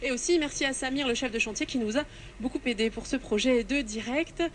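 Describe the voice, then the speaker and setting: A woman's voice: fairly high pitch, a little fast. A woman doing a chatty, jokey live report and interview from inside a large church, with hallway-like echo. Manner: chatty, jokey, addressing viewers. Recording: noisy echoing church interior, construction din.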